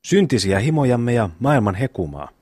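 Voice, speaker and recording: A man's voice: medium pitch, very animated, a little mellow, no room sound, studio quality. A man voicing a solemn, preachy peasant brother in an audiobook.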